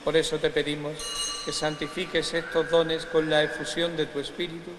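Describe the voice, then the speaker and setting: Priest with a cathedral echo. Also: male voice, a little high, level tone. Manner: slow, measured, reverent phrasing. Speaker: priest celebrating Mass. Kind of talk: solemn liturgical recitation. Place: large church. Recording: echoey church with long reverb, faint hiss.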